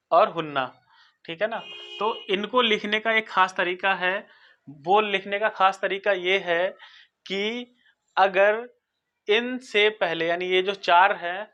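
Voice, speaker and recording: A teacher giving a recorded lesson, explaining slowly and patiently, sounding out word forms and often checking that listeners follow. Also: mid-range voice, bright, forceful tone. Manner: patient, repeats and checks understanding. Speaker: Arabic grammar teacher. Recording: dull lo-fi recording.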